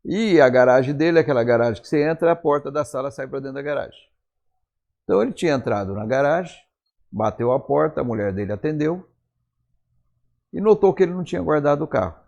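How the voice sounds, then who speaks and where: A man's voice: a little high, lively intonation, fast, vocal fry, darkish tone, lo-fi sound. A man with a Brazilian accent preaching a sermon in church, telling stories in a conversational way and acting out the dialogue. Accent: Brazilian Portuguese. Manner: conversational, acts out quoted dialogue. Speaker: pastor. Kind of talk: storytelling sermon.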